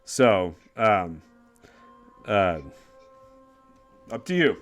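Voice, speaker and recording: A man's voice: on the low side, very animated, extremely slow, soft background music. Man, game master, tabletop narration, rambling, casual. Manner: rambling, full of fillers and restarts.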